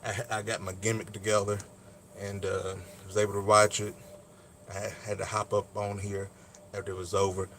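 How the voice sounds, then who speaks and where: A man's voice: on the low side, level tone, normal speed, fairly bright tone. A man talking casually and emphatically in slangy speech, reacting to fights like a sports vlogger. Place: at his workplace. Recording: clear background ambient noise.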